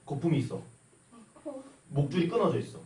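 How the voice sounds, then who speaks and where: A man's voice: a little high, fairly quick. A young man teaching a math class, telling a story with jokes and acted-out sounds. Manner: animated, joking, acts out sounds and quoted voices. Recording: echoey classroom, far mic, noisy.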